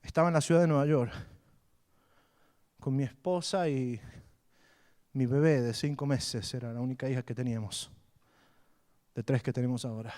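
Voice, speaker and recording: A middle-aged Argentine pastor preaching a sermon, moving between quiet storytelling and loud, rising preaching. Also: male voice, mid-range voice, fairly even intonation, moderate pace, pauses often. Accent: Argentine Spanish.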